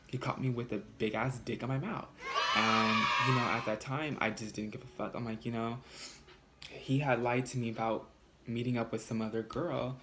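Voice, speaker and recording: A man in a casual storytime vlog, talking fast and loose with plenty of cursing. He sits at an ordinary middle pitch but jumps sharply upward when he quotes people. Faint background noise runs under his voice. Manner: animated, profane, jumps high in pitch when quoting arguments. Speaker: vlogger.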